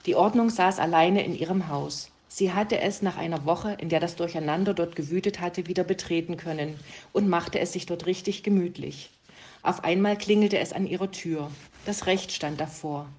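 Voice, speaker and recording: A woman calmly reading a German story aloud to listeners. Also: fairly low pitch, normal speed. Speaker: reader.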